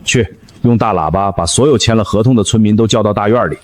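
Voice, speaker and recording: A man's voice: on the low side, fast, darkish tone, a little hiss or hum, close to an everyday voice. A man voicing a scheming rival boss who gives contemptuous orders. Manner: commanding, contemptuous. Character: greedy scheming rival boss, cold and cruel. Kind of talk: drama voice acting.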